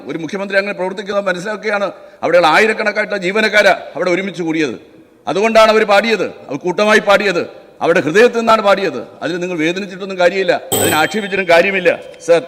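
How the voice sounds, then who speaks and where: Legislator, male, rapid fiery oratory in a big reverberant chamber, keeps addressing the chair. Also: sits high, fairly bright tone. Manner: emphatic oratory, repeatedly addressing the chair as sir. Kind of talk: assembly floor speech. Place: large legislative assembly hall.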